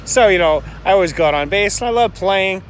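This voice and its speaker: Holding his own camera outdoors in front of his home, a Georgia man in his fifties tells a first-person story in a casual, rambling way, with lots of fillers and corrections of himself. His voice sits high, brisk with lively intonation, against faint street and construction sounds.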